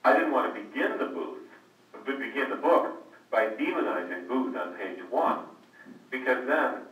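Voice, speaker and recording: A man's voice: medium pitch, fairly bright tone. A man, an author answering questions on a conference call, telling stories with frequent hesitant restarts and repeated words. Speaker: author guest. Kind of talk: conversational storytelling on a conference call. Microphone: conference call line. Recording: echoey, distant, faint noise.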